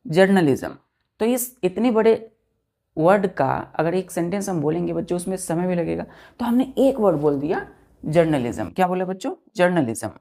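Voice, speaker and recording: A woman's voice: on the low side, lively intonation, moderate pace, gravelly, dark tone. A woman teaching a vocabulary lesson, spelling words letter by letter and patiently repeating them for children.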